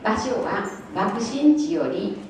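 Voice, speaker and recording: A woman in her eighties giving spoken testimony as a guest speaker, in short measured phrases that leave room for an interpreter. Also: mid-range voice, lively intonation, darkish tone. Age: 80s. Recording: echoey hall from far off with faint noise.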